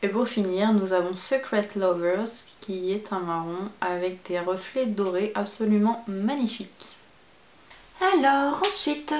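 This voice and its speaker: Female beauty vlogger, casual and enthusiastic, mid pitch, roomy echo. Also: a little mellow. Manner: chatty, enthusiastic describing shades. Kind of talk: casual makeup review.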